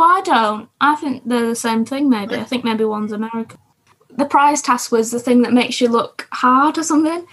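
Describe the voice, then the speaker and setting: A woman co-hosting a podcast, chatting enthusiastically about TV shows with lots of fillers. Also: on the high side. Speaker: podcast co-host. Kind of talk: casual chat about TV shows.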